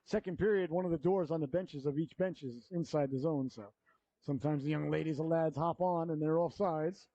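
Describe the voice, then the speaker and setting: High-pitched male hockey announcer, echoey sound. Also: brisk, highs cut off. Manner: folksy, excitable on plays, colourful slang. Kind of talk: live hockey announcer commentary.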